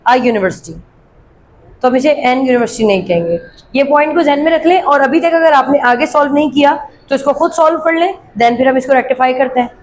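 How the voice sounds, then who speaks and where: Here a woman whose voice sits high teaches grammar from an English worksheet: examples are read slowly and distinctly, explanations come fast. She keeps asking her class questions and answering them on her own. The audio is poor, with a little hiss or hum.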